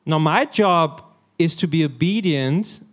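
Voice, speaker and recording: A man giving a sermon in short phrases, pausing so an interpreter can translate, telling stories with a laugh. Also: a little high, animated. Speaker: guest preacher. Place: church hall.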